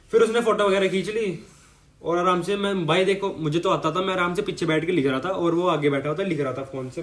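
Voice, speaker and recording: A young man telling a rambling, exasperated comic story about tuition classes, full of self-pity. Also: high-pitched. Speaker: student storyteller.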